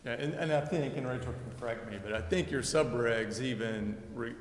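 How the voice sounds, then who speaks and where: A developer's project engineer gives an unscripted presentation of a subdivision plat to a city council. He speaks at medium pitch and a moderate pace, explaining things in a folksy, circuitous manner. The recording, made in the indoor chamber, has a reverberant, echoing quality and background noise.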